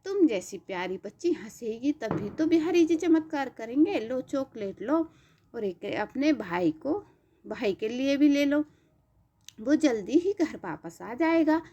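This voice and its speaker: A woman's voice: sits high, very animated, unhurried, warm tone, full character voice. A woman voicing a kind middle-aged male doctor who soothes a crying child, on a dull lo-fi recording. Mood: soothing. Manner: soothing, coaxing.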